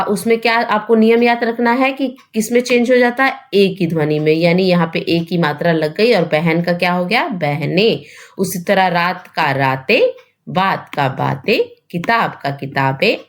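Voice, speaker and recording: A woman teaching an exam-prep grammar lesson at an ordinary, mid-range pitch. She explains each rule step by step, posing questions to her students and answering them herself, and often checks in with a quick tag question.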